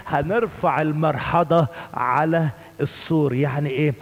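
A man's voice: fairly high pitch, lo-fi sound. A man with an Egyptian Arabic accent preaching a sermon in a church, calling on the congregation to repeat words after him. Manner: call-and-response, has congregation repeat words. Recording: reverberant church hall.

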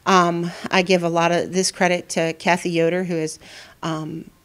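A woman's voice: on the low side, level tone, moderate pace, fairly bright tone. A middle-aged woman, a school principal, answering interview questions with many fillers and restarts. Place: indoor school hallway.

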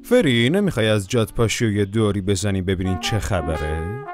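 A man's voice: lowish voice, expressive. A man narrating a children's cartoon, talking to the characters in a playful, coaxing way. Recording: music playing behind the voice.

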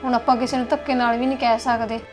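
A woman's voice: fairly high pitch, flat delivery, racing, lightly acted. A young woman with an Indian Punjabi accent plays a sad young wife in a village family drama and speaks plaintively. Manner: plaintive, complaining. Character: young wife sad that her mother is gone. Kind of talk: village web drama acting. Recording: background music under dialogue.

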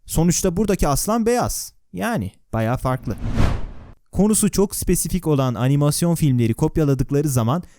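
A warm, fairly high male voice with lively intonation moves at a moderate pace through a video narration. It's scripted but conversational, full of wry sarcasm and questions to the audience, and recorded on a close, dry voice-over microphone.

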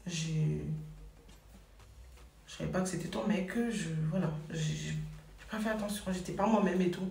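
A woman's voice: on the low side, moderate pace, vocal fry, a little mellow. Woman chatting through a story, lots of fillers, sounds far off in a roomy space. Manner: chatty, many fillers and "et tout". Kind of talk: casual personal storytelling.

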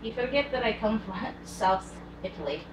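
A woman playing a hot-tempered, foul-mouthed young Italian man in an amateur cosplay comedy skit, snapping in loud outbursts, filmed by a far camera in a home kitchen. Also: a little high, animated, moderate pace, roomy sound, background noise, natural voice. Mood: irritable. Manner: swears and snaps in loud outbursts.

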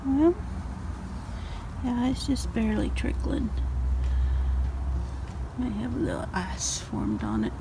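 Slow and creaky, pausing often, this older woman's voice leaps wildly in pitch against a noisy background. The vlogger casually talks through morning farm chores, filming on a handheld phone outdoors in the backyard and shed at night. To her dogs and chickens she uses a sweet, high sing-song.

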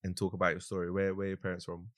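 Low-voiced young man hosting a podcast. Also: monotone, very fast, dry recording, clean studio sound. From Nigeria. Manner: laughs often, repeats words. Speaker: podcast host. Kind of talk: casual interview and read sponsor spot. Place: studio with brick wall and sofa. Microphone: studio boom mic.

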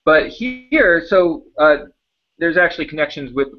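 A man's voice: a little high, big pitch swings, unhurried, soft background music. Man, podcast co-host, easygoing, trailing phrases, muffled lo-fi recording. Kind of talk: casual puzzle discussion. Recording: dull lo-fi podcast audio.

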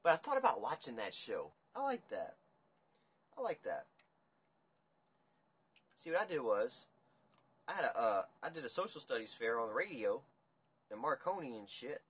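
A young man rambling through a livestream chat, swearing freely and ranting with animated energy. His voice is bright and forceful but husky. It sounds like a phone picking him up in a dim room. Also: mid-range voice, moderate pace, pauses often. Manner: rambling, profane, animated rants. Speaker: livestream host. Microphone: phone camera at table.

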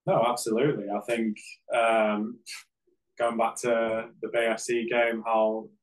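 A man, a football coach answering press questions after a game on a video call, measured and full of fillers. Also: mid-range voice, poor audio. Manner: measured, flat delivery with many fillers. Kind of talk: post-game press conference. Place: press backdrop, indoors.

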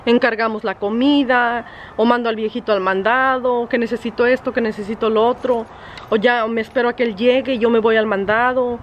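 A woman vlogging casually from home, chatty and exasperated, sometimes breaking off to scold her dog in sharp high bursts. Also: steady tone, brisk, lo-fi sound, a little hiss or hum. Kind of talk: casual vlog chat. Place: at home, indoors and outdoors.

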